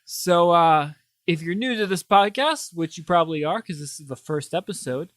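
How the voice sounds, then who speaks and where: A young man co-hosting a comedy podcast, playful and quick to laugh. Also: a little high, no room sound. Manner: playful, laughs often, lively. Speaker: podcast co-host. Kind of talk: casual comedic chat.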